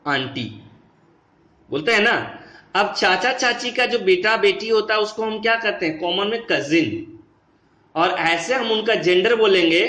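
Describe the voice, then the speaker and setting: High-voiced Indian teacher in an echoey room. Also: male voice, fairly bright tone. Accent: Indian English. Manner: mixes Hindi and English, asks checking questions. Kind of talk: grammar lesson for children.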